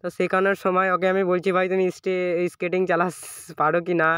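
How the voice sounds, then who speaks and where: A man tells a story in a casual vlog style, rattling along quickly and voicing both sides of a conversation. His voice sits a little high and comes through smooth and clear. The recording is close and dry, with no room sound. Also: level tone, a bit bright, no echo. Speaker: fitness vlogger.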